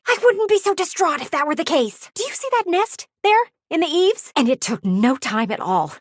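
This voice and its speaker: A female video game character plays a vain, nosy talking window whose fairly high voice swings widely in melody, full of theatrical fretting and teasing. Her mood is fretful and disdainful. The recording is close and dry, with no room sound at all.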